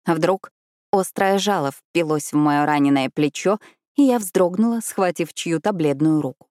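A woman narrating a novel in the first person, with measured, dramatic storytelling. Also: lowish voice, darkish tone, no room sound, clean studio sound. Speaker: audiobook narrator.

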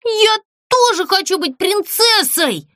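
A woman voicing a bratty, spoiled young girl doll in a storybook, shrill and bossy. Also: very animated, unhurried, bright, forceful tone, no echo, clean studio sound, full character voice.

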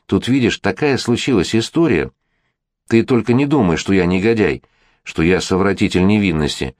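A boastful, hot-blooded young rake, as a man reading the story puts him on, gushing in breathless bursts. His low voice leaps up high again and again, in a dry, close storybook reading. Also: lively intonation, moderate pace, darkish tone, dry recording. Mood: excited bragging.

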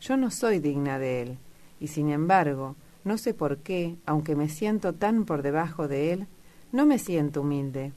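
A lovestruck young girl, giddy and eager, her voice lifting a little as she exclaims in a low, tinged tone, as a woman reads her aloud in a storybook. Her lines tumble out in breathless, earnest bursts. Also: expressive, measured pace, warm tone. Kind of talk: audiobook character reading.

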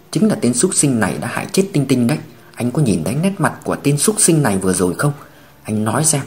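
A man voicing a grief-crazed mother who hurls hysterical, venomous threats, with a lively pitch range. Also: lightly acted.

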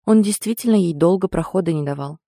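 A woman's voice: fairly low pitch, fast talker, vocal fry, dark tone, no room sound, clean studio sound. Stern commanding man, read by a woman. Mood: bitter. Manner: firm, barking orders. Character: stern commanding man, protective older brother.

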